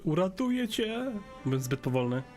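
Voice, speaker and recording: High-pitched, animated man streaming a game. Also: moderate pace. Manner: joking, sarcastic. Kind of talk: casual joking live game commentary. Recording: loud game music behind voice. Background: game music.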